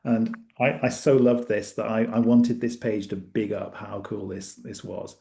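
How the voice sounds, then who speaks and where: A man's voice: fairly low pitch, level tone, measured pace, creaky, warm tone. A man chatting as a guest, eagerly explaining a maths idea and a tool he built. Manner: enthusiastic, explaining with asides. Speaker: guest, maker of maths web tools. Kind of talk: casual chat.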